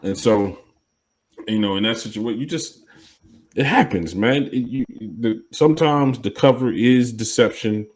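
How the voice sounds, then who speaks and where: A man's voice: mid-range voice, moderate pace, a little mellow, low-quality recording. A man co-hosting a podcast, talking in a casual, emphatic way and often checking in with "you know what I mean". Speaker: podcast co-host. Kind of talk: casual discussion.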